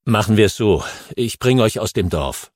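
A man voicing a nervous old farmer in an audiobook, pushing his words out in urgent bursts. the husky voice is lowish and swoops around a lot. dry, close sound with no room. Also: expressive, moderate pace, darkish tone, no room sound. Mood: agitated. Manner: urgent, pleading. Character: wary, agitated old farmer. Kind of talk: audiobook reading.

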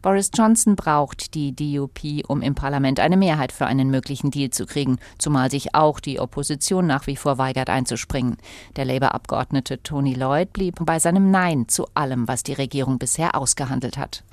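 Low-voiced woman reading news. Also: a little fast, darkish tone, no echo. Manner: clear, matter-of-fact. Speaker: news reporter. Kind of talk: news report. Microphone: close studio mic.

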